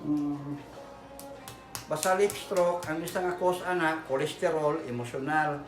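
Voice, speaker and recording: A man's voice: a little high, unhurried. A man, a holistic therapist chatting and coaxing a client through treatment. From Philippines. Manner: coaxing, reassuring, repeats short checks. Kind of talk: casual talk while treating a client. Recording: echoey room with music behind.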